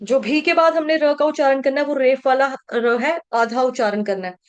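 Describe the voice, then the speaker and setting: A woman teaching Sanskrit verse pronunciation, stretching syllables slowly when she chants them and explaining quickly in between. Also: sits high, muffled recording. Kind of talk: slow chanting and pronunciation lesson.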